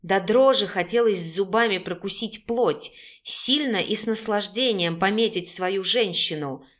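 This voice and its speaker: A woman narrating an audiobook in a steady, measured storytelling manner. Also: medium pitch.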